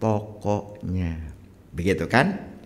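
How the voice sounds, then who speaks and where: Pastor preaching, asking the crowd questions, big church echo. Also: male voice, sits low, expressive, slow pace, a little hiss or hum. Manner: conversational, rhetorical questions. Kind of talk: sermon. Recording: long reverb of a church hall.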